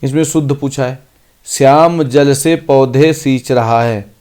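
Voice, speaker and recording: A man teaching an exam-prep grammar lesson, reading each sentence out slowly and then explaining it briskly. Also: medium pitch, darkish tone. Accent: Hindi.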